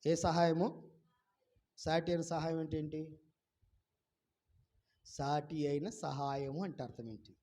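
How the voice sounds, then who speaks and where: A male pastor preaching a sermon to a congregation. He keeps putting questions to the listeners and urges them to call out their answers loudly. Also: a little high, steady tone, slow pace, pauses often. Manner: fires rhetorical questions at the congregation. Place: church before a congregation.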